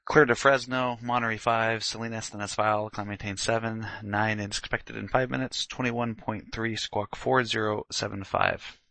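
A man's voice: lowish voice, steady tone, moderate pace, gravelly, hardly any pauses, bright, forceful tone, no room sound. A man working as a pilot, making procedural radio calls and readbacks.

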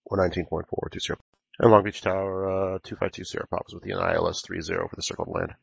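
A man flying a simulated plane, reading back clearances in clipped radio phraseology through a cockpit headset, with frequent hesitations. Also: low voice, flat delivery, racing, no echo. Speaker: pilot flying a flight simulator on an online air traffic network. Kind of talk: radio calls to air traffic control. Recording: muffled lo-fi radio audio.

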